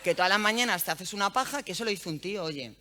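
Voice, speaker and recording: A woman's voice: medium pitch, racing, sharp tone, slight background noise. A woman with a Spanish accent, a radio journalist speaking bluntly and earthily as a guest at an interview panel. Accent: Spain. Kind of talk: frank conversational interview. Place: event panel.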